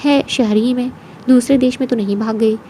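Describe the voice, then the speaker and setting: A woman voicing a proud housewife, kind but quick to take offence. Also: on the high side, fairly even intonation, slight background noise, lightly acted. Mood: kindly. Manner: firm, sharp when insulted.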